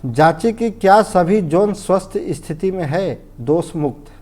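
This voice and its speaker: An Indian man teaching fire safety gives an informal technical lesson in a mellow, soft-edged voice pitched a little high. Animated and a little slow, he explains step by step, repeats key phrases, asks himself questions and keeps checking that the listener follows.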